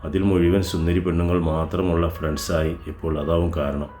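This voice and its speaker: Deep-voiced man narrating a story. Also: steady tone, fairly quick, dark tone. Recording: roomy echo, faint music behind.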